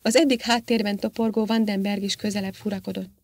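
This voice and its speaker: Woman reading an audiobook, steady measured narration, dry close mic. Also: mid-range voice, no echo. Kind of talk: scripted narration.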